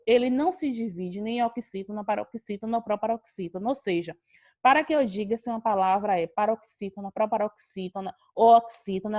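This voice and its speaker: A woman's voice: on the high side, mellow, no echo. A woman teacher, explaining a lesson to students on a video call, talking to them directly. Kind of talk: online class lesson.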